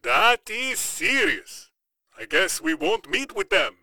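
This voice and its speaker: A man voicing a cautious, businesslike alien male merchant in a storybook, speaking slowly and deliberately. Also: high-pitched, sing-song, pushed and bright, dry recording, pitched above the performer's own voice, exaggerated voice, rough recording. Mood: wary.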